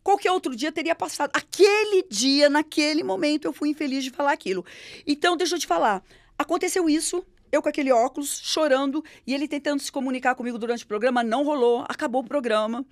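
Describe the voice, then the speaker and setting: A middle-aged Brazilian Portuguese woman telling stories in an interview, animated and acting out the voices of the people she quotes. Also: high voice, fast, no echo, clean studio sound. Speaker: interview guest. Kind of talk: storytelling in an interview.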